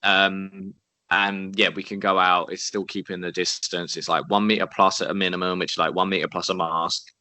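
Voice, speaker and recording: Bright, chatty young man. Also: deep voice, flat delivery, moderate pace, no room sound. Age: 20s. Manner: upbeat, chatty, encouraging. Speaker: podcast co-host. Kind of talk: casual chat. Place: at home, indoors.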